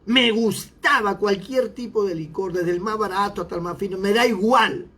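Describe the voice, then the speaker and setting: A pastor gives his testimony from the pulpit, his plain as he repeats phrases for emphasis. His voice runs fairly high and carries a husky edge. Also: normal speed, bright, forceful tone. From Peru. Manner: emotional, repetitive storytelling. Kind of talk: sermon testimony.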